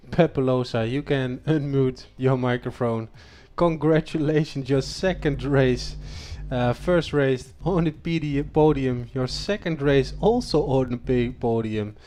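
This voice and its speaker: A man's voice: medium pitch, measured pace, hardly any pauses. Hesitant man hosting a race stream. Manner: hesitant, many fillers, excited shouting of names. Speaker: race league host. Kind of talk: live post-race chat.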